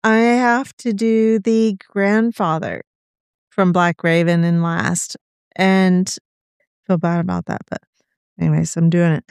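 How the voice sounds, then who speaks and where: A woman's voice: fairly low pitch, steady tone, slow pace, creaky, a little mellow, clear, resonant tone, no room sound, studio quality. A middle-aged woman with the hiccups, hesitantly giving her beer rankings in casual chat. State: has the hiccups.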